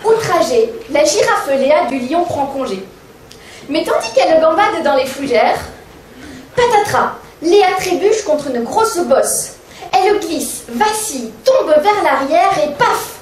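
A woman's voice: sits high, lively intonation, unhurried. A woman comedian reciting a rhyming comic tale on stage in a sing-song, mock-innocent manner. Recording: echoey stage sound from far off.

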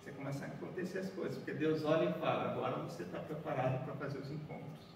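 Speaking fast in a fairly high voice, this Bahian man in his forties leads an origami workshop for a seated audience in a big conference room. He chats, paces, folds paper and keeps checking on listeners with "né?" and "certo?". The sound, with slight background noise, comes from a far-off room camera in an echoey hall, and no mic is seen.

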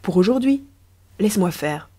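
A woman voicing a smug, scheming husband who talks with wheedling, persuasive politeness in a storybook reading. Her voice is warm and mellow. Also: mid-range voice, expressive, moderate pace, slightly rough. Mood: eager.

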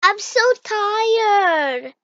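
A woman voicing a slow, sleepy and hungry little cartoon buddy who mumbles drawn-out short replies. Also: high voice, animated, dry recording, lo-fi sound. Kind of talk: cartoon character voice.

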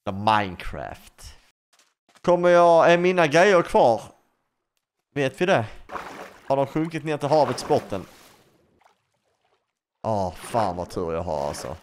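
Lively, questioning man playing a game. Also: medium pitch, pauses often, a little hiss or hum. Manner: excitable, full of questions, swears freely. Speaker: gaming YouTuber. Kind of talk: let's play commentary.

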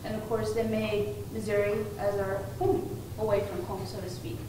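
A young Mexican woman, a native Spanish speaker, gives an informal talk in a conference room with a projector screen, her mid-range voice flat and at normal speed, full of fillers and restarts. A distant room mic picks her up, so the recording is echoey with background noise.

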